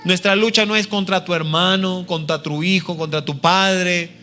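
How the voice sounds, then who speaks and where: A man's voice: high voice, fairly even intonation, normal speed, pushed and bright, faint music behind. A man preaching a sermon, telling a personal story in an earnest, personal way and often checking in with his listeners. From Peru. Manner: earnest, personal, frequent tag questions. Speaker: missionary preacher.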